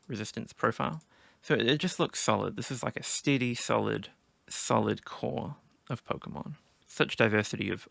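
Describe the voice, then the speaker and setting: A gaming video creator, hoarse from a sore throat, gives casual commentary on his team draft, thinking aloud with many restarts. His voice is medium-pitched and fairly bright, on a dry recording.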